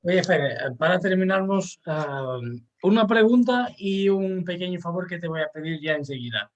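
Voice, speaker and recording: A man's voice: sits high, expressive, normal speed, dull audio. A man hosting an interview, asking questions with enthusiasm. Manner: enthusiastic, laughs often. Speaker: interviewer host.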